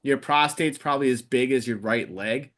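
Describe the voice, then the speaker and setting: A man's voice: medium pitch, normal speed, a bit bright. A fifty-year-old man, a podcast guest, talking in an easygoing, blunt way in casual chat. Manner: easygoing, plain-spoken, gives blunt advice.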